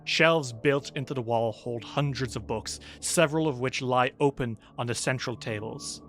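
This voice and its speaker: A man working as game master, narrating a tabletop game with vivid, animated description. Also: mid-range voice, moderate pace, soft background music.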